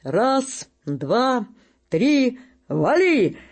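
A storyteller voicing a merchant father who shouts brisk, commanding orders. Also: mid-range voice, sing-song, pitched above the performer's own voice, exaggerated voice.

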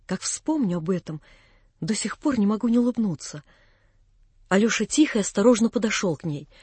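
Audiobook reader: woman, calm measured narration, breathy, dry close sound. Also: medium pitch, no room sound. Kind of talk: scripted narration of a classic novel.

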